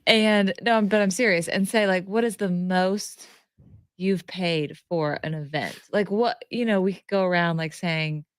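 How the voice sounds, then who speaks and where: A woman's voice: on the low side, measured pace, clean tone, no echo, studio quality. A woman co-hosting a radio show in casual conversation. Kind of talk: casual chat.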